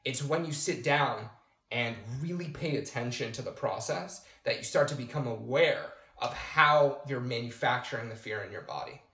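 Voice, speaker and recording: A man giving a calm, explanatory coaching lesson to camera, checking in with the viewer as he goes. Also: medium pitch, moderate pace. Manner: calm, explanatory, addresses the viewer directly with "okay?". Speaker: personal development coach. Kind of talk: instructional talk to camera. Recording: roomy echo.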